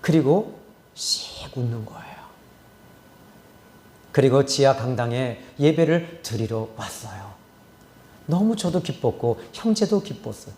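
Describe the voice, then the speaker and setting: A middle-aged male pastor telling a story in a sermon, moving between loud exclamations and hushed, whispered quotes. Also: mid-range voice, expressive, a little slow, long pauses.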